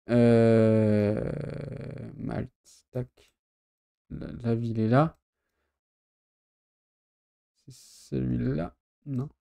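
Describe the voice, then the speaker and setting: A man's voice: medium pitch, creaky, dark tone. A man chatting casually while reacting to a video, thinking aloud and hesitating often. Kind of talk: casual chat.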